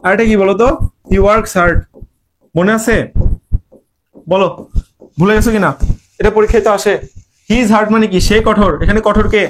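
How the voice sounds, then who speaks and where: Speaking at normal speed with fairly even intonation and frequent pauses, a young man with a high voice and a Bangladeshi Bengali accent drills students on English grammar. It's an online lesson for admission prep, built around rhetorical questions.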